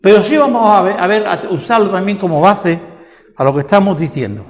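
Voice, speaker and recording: A man's voice: sits high, expressive, a little fast. An older man with a Spanish accent from Spain, preaching a sermon and asking repeated rhetorical questions. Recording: echoey hall with long reverb.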